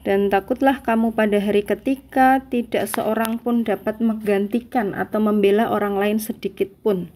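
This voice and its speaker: A woman's voice: mid-range voice, steady tone, moderate pace, dark tone, a little hiss or hum. Indonesian woman teaching Quran lessons. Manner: conversational, explanatory, with frequent confirming tags. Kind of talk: religious lesson, reciting verses then explaining them.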